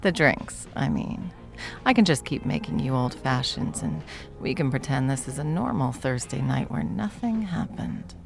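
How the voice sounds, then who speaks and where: Here the actress performs a confident, teasing female bartender, a hot, flirtatious and protective character, in an intimate one-sided ASMR roleplay. The very deep, creaky voice is intimate, animated and heavily acted, set over soft background music. She sounds playful and teasing, taking her time, chuckling softly and sinking toward whispers.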